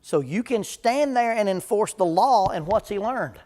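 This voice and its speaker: A man's voice: high-pitched, expressive, moderate pace, darkish tone. A man, a preacher leading a parenting seminar in plain-spoken, humorous talk before a live church audience.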